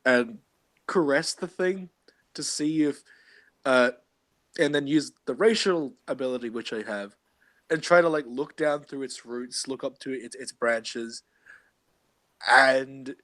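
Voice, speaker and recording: A man's voice: mid-range voice, lively intonation, slow, pauses often, fairly bright tone, no room sound. A man voicing his character in a tabletop role-playing game, laughing often as he plays. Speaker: player. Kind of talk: casual tabletop role-play.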